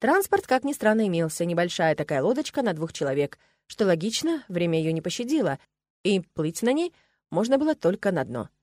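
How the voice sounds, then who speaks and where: A woman reads a fantasy audiobook chapter in a wry, expressive first-person voice. Her pitch rises and falls with lively animation. The recording is close and dry, with no room sound. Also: a little fast, no echo. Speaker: audiobook narrator. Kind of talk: scripted narration.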